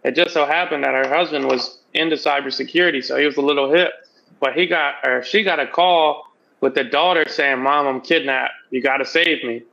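A man's voice: a little high, fairly quick, vocal fry, bright, forceful tone, lo-fi sound. A man co-hosting a podcast in casual, profane chat, laughing often. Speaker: podcast co-host.

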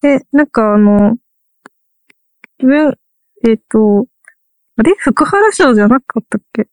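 A woman's voice: fairly high pitch, lively intonation, slow, darkish tone, no room sound. A woman from Ehime who teaches English literature, chatting casually, wry and trailing off as she searches for words. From Ehime, Japan. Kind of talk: casual chat.

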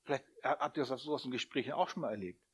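A man preaching a sermon, who talks straight to his listeners, asks them questions and builds up to loud, emphatic appeals. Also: mid-range voice, rapid-fire, slightly rough. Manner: addresses the listeners directly, asking them questions.

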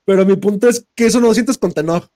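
A man with a Mexican Spanish accent hosts a casual podcast, talking in a somewhat high, mellow voice. His speech is crude and slang-heavy. He rants and breaks into mocking imitations, and the sound is close and dry. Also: fast, no echo. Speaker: podcast host.

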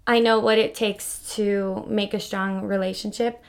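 A woman's voice: medium pitch, little pitch movement, unhurried, gravelly. A young woman co-hosting a casual Q&A podcast, speaking earnestly and thoughtfully. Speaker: podcast co-host. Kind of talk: casual chat.

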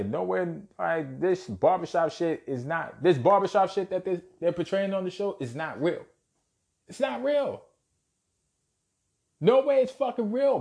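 A man's voice: on the high side, a little mellow. A young man delivering a heated, profane commentary rant with emphatic repetition. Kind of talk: ranting commentary.

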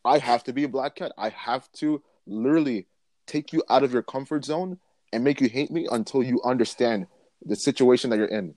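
A man's voice: medium pitch, fairly quick, a little mellow, no echo. A man co-hosting a casual sports podcast, making his points emphatically and building them up in lists. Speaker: podcast co-host.

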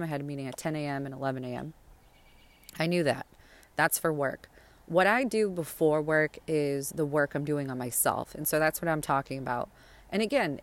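Woman, low-pitched voice, cheerful, encouraging, rambling casual pep talk, outdoors. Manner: chatty and rambling, with frequent asides. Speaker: vlogger giving motivational advice. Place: outdoors on a sun deck.

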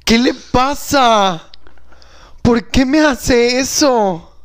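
A man's voice: extremely high pitch, very slow, clean tone, exaggerated voice. A man with a Mexican accent voicing an indignant young woman harassed on the street in a comedy improv sketch, protesting in a flustered, exasperated way.

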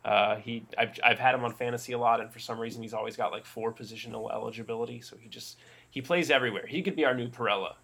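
Gravelly-voiced man chatting casually. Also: medium pitch, fast. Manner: relaxed, many fillers and restarts. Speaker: podcast co-host. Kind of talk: casual sports chat.

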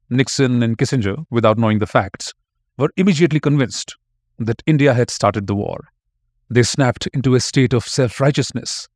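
A man's voice: mid-range voice, a little mellow, no echo, clean studio sound. A man giving scripted narration as a history podcast narrator, reading out quotes in a storytelling tone.

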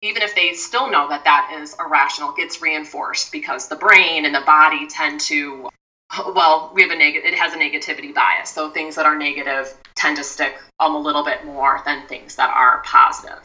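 A woman who is a mindfulness expert, guest on an interview, explaining in a measured, step-by-step way with frequent restarts. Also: deep voice, steady tone, sharp tone, distant mic, dull audio.

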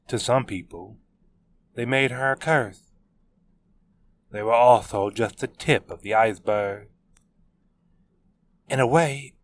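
A man narrating his own serialized web novel in a measured, steady reading. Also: on the low side. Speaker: author narrator.

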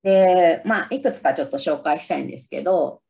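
A woman's voice: deep voice, fairly quick, creaky, darkish tone. A Japanese woman casually talking about a favorite film on her own podcast, upbeat and chatty, now and then trying out English lines aloud. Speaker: podcast host. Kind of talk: casual solo movie review talk.

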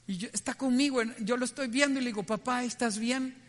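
A man's voice: extremely high pitch, racing, in a large hall. A man giving a devotional message in an earnest, reflective way, putting direct questions to his listeners. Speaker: preacher.

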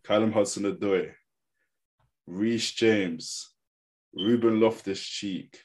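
Male host, low voice, urban London roadman accent and slang, casual football banter. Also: slow, a little mellow. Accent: London, urban street slang. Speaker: podcast host.

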